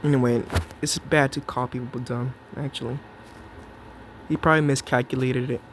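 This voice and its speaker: A man's voice: medium pitch, steady tone, moderate pace, noisy background. A young man giving casual, jokey commentary on his own match, talking to himself and to his opponent. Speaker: gameplay commentator. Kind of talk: live gameplay commentary.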